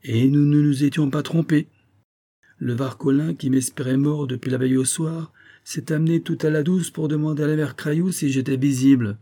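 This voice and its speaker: A man voicing a cheerful, cocky male amateur detective, chatty and lively. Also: on the high side, normal speed, pitched above the performer's own voice.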